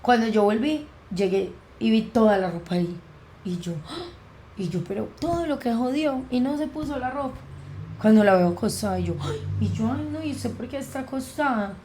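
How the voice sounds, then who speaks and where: A young Colombian woman with a mellow, warm voice speaks as a podcast guest. She tells a personal story in a relaxed conversational way and acts out the quoted lines. There is a faint hum of noise behind her. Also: fairly high pitch, normal speed. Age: young adult. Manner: vivid retelling that acts out quoted dialogue.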